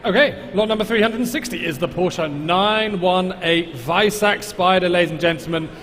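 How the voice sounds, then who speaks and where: A man's voice: high-pitched, normal speed, a bit bright. A man announcing an auction lot, reading out a formal scripted description. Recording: echoey hall, background noise.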